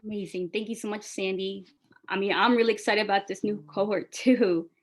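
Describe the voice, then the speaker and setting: With a little noise in the background, a Bangla-speaking woman from New York City runs a press call in a friendly, casual and enthusiastic way. Her medium-pitched voice stays steady and moves fairly quickly.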